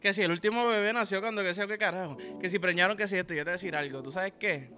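A man's voice: high-pitched, rapid-fire, bright, forceful tone, faint music behind. A Puerto Rican man hosting a podcast, telling a crude, profane, rambling story in slang-heavy casual talk. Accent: Puerto Rican Spanish. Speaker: podcast host.

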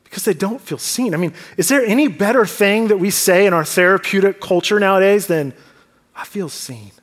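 A man's voice: high voice, breathy edge. A man preaching a sermon as pastor, earnest and conversational, asking the congregation rhetorical questions. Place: church sanctuary. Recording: long church hall reverb.

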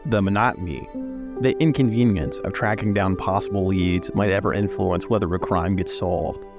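Low-voiced man narrating over soft music. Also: fairly even intonation. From Alabama. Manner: measured, reflective storytelling. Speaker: podcast narrator. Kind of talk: scripted true-crime narration.

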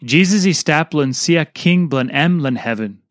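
A man with a Papua New Guinean accent reads a scripted devotional in Pidgin, in short measured phrases. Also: on the high side, lively intonation, no room sound, studio quality. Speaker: devotional reader.

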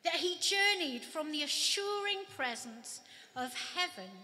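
A woman's voice: sits high, slight background noise. Welsh woman preaching in a reverberant church. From Wales. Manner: gentle, reflective, slow with pauses. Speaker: pastor. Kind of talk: sermon. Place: church during a candlelit carol service. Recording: long church reverb, faint ambience.

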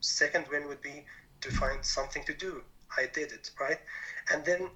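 Syrian-born guy on a podcast, earnest, keeps rephrasing, bright kinda higher voice. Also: steady tone, moderate pace, poor audio. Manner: earnest, rephrases often in non-native English. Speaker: podcast guest. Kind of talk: conversational interview.

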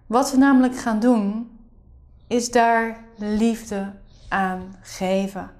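A woman's voice: a little high, fairly even intonation, takes it slowly, darkish tone. A woman explaining a meditation exercise as the leader of the session.

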